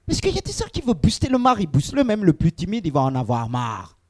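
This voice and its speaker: A male pastor preaching a sermon to his congregation, swinging between loud exclamations and quiet asides, addressing the listeners directly. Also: high-pitched, wildly swooping pitch, quick pace. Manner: addresses the congregation directly, mimics quoted spouses.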